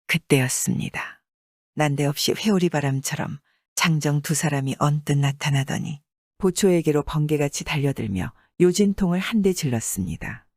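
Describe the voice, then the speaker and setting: A man tells an old tale for an audiobook, keeping a measured pace while his voice rises and dips with the story. He sits close to the mic in a dry, dead-quiet recording. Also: a little high, no echo. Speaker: audiobook narrator.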